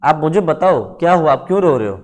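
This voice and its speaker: A male teacher acting out a smooth-talking schemer who offers help, in a coaxing, friendly way. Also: on the high side, animated, brisk, darkish tone, lightly acted.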